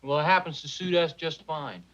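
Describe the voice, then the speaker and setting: A man's voice: a little high, moderate pace, a bit bright, lightly acted. An actor playing an earnest, polite young college man in a 1950s sitcom, easily flustered by his family. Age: young adult. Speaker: son. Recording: dull lo-fi 1950s TV soundtrack.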